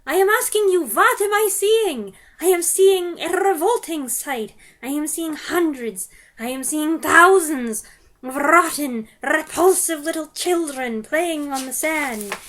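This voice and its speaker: A woman's voice: high-pitched, measured pace, fairly bright tone, voice pushed up. A woman voicing a furious, tyrannical female witch queen who shrieks and rants in stiff, formal speech. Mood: ranting. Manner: shrieking, ranting, foreign-sounding formal speech.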